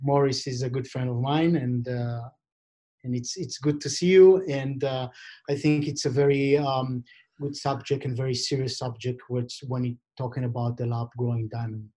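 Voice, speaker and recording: A middle-aged man with an Israeli accent, a guest on a podcast, talking in a casual, halting way with many fillers. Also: medium pitch, steady tone, warm tone. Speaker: guest, diamond equipment vendor.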